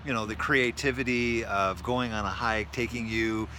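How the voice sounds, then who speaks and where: A man's voice: fairly low pitch, fairly even intonation, normal speed, sharp tone, slight background noise. A man co-hosting a casual chat with his wife outdoors, joking and folksy, often repeating his words. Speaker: co-host, marriage coach. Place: outdoors, rain starting.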